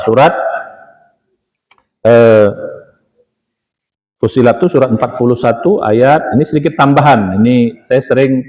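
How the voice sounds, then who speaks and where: A middle-aged man giving a religious study talk, explaining Quran recitation slowly, drawing out words and asking his listeners questions. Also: medium pitch, a little mellow, rough recording. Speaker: Islamic preacher.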